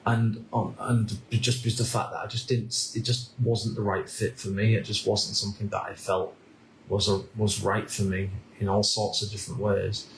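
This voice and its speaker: A man in his thirties from the United Kingdom, talking through a reflective personal monologue in a halting way, often repeating words and restarting sentences. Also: lowish voice, flat delivery, creaky, echoey room, slight background noise, rough recording. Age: 30s. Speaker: vlogger.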